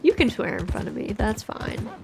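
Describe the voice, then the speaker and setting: A woman's voice: mid-range voice, sing-song, normal speed, vocal fry. Chatty American woman streaming over game music. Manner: chilled, cozy, chatty. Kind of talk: casual livestream chat over gameplay. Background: game music, horse hooves and animal sounds.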